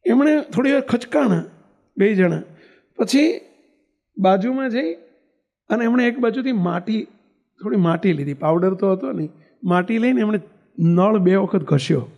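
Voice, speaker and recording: Male monk, storytelling sermon, high gravelly voice, mellow tone, acts out quoted lines. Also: expressive, a little slow, pauses often. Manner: asks the audience questions, acts out quoted dialogue.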